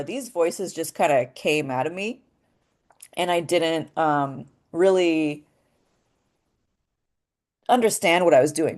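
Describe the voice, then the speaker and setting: A woman's voice: low-pitched, darkish tone. A woman teaching voice acting in a casual spoken lesson, explaining her ideas step by step and often asking "right?". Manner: explanatory and thoughtful, with frequent "um" and "right?".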